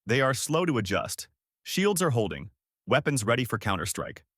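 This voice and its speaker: Confident young female lieutenant, read by a man, crisp tactical reports. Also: mid-range voice, very animated, a bit bright, no room sound, clean studio sound. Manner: brisk, analytical reporting.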